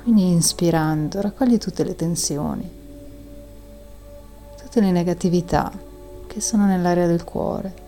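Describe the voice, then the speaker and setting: A woman leading a guided breathing meditation in a soft, soothing and calming manner, with long audible exhales. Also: on the low side, a little slow, long pauses, faint music behind.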